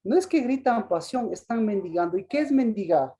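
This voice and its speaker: A man teaching an interactive Bible study on a video call, pausing and repeating words as he asks questions. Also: sits high, lively intonation, mellow.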